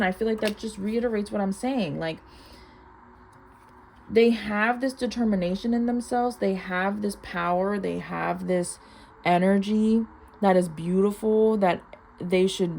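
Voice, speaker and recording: A woman's voice: mid-range voice, measured pace, a little mellow. Young woman giving a chatty mystical tarot reading, noisy recording. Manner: chatty, informal mystical card interpreter with heavy use of "like". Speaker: tarot card reader. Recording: clear background noise.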